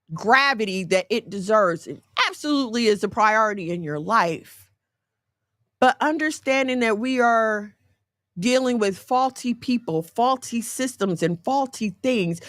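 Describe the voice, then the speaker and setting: Bright-voiced woman in her forties. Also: fairly high pitch, no room sound, studio quality. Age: 40s. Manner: conversational, folksy, animated storytelling with asides. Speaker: faith talk host. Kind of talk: casual faith talk.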